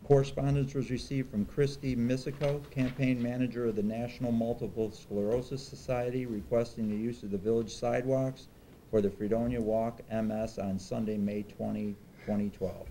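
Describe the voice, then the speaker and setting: A man reading official reports and correspondence in a flat, matter-of-fact manner. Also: medium pitch, moderate pace, slight background noise, rough recording. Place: indoor village hall meeting room.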